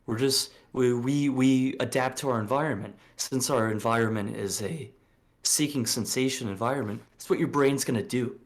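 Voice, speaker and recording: A man's voice: mid-range voice, moderate pace. A man in his late twenties co-hosting a podcast in casual chat, blunt and preachy, swearing freely, with lots of fillers. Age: late 20s. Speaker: podcast co-host.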